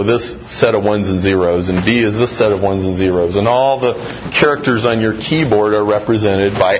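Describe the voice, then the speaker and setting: Man lecturing with animated inflection. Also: mid-range voice. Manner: animated, acts out example sentences with varied inflection. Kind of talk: classroom lecture with slides. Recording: dull, slightly muffled recording with faint room noise.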